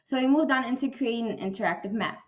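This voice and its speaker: A teenage female student presenter delivering a rehearsed startup pitch at a competition. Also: quick pace.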